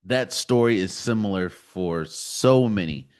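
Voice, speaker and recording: A man from the United States hosting a solo sports podcast, giving his opinions in an emphatic, animated way. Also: lowish voice, unhurried. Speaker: podcast host.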